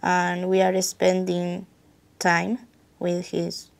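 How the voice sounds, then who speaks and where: A woman from Argentina, giving halting, simply phrased answers in a spoken English exam. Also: fairly low pitch, monotone, gravelly. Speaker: exam candidate.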